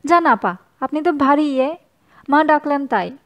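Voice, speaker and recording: A woman's voice: sits high, expressive, moderate pace, a bit bright, pitched above the performer's own voice. A woman voicing a shy, easily embarrassed teenage girl who pouts and protests when teased. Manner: pouting, protesting.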